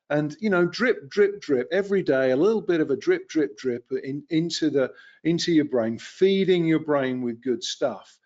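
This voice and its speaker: Speaking through a computer webcam and mic, a webinar presenter in his fifties has a medium-pitched, darkish voice, and the recording sounds muffled. His unscripted lecture rambles conversationally, with many fillers and restarts.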